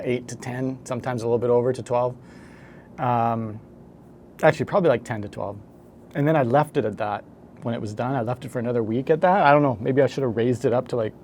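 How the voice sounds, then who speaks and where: A man's voice: medium pitch, a little mellow, a little hiss or hum. A man talking casually to the camera as a home brewer, rambling and correcting himself as he goes. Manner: rambling, self-correcting, hesitant.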